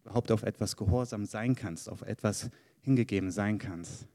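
A man's voice: lowish voice, normal speed, dark tone. A man giving a conversational sermon to a congregation, reading Bible verses aloud. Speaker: preacher. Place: church hall. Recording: long hall reverb.

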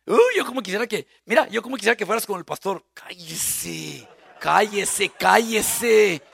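A man preaching a sermon on marriage as a guest pastor, animated, acting out spouses' lines and shouting for emphasis. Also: high voice, racing, creaky, slightly rough, no room sound, clean studio sound.

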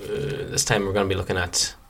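A man's voice: sits low, level tone, quick pace, gravelly, fairly bright tone. A man with a Donegal Irish accent co-hosting a podcast in casual fan chat, with a rambling, jokey way of talking. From County Donegal, Ireland. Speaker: podcast co-host.

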